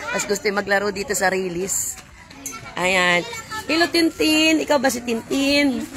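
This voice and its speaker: A woman from a church live-streaming on her phone as she walks outdoors beside railway tracks, chatting and greeting viewers and passers-by. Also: fairly high pitch. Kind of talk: casual live-stream chat. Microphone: phone held while walking.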